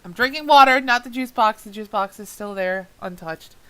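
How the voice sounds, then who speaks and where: A woman's voice: medium pitch, normal speed, fairly bright tone, smooth. A woman reading a fan story aloud who keeps stumbling, swearing and laughing at her own mistakes in a self-mocking, exasperated way. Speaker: reader of a fan-fiction audio drama. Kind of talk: blooper reel while reading aloud.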